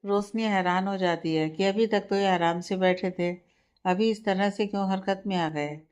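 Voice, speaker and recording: Storyteller: woman, calm even narration of a romance serial. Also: mid-range voice, moderate pace.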